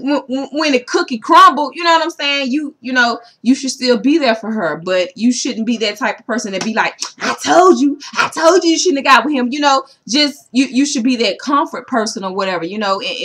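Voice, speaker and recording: A woman's voice: fairly high pitch, pushed and bright. A woman in a casual vlog, recapping a reality show episode for her viewers and saying "you know" constantly. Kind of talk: casual chat to camera.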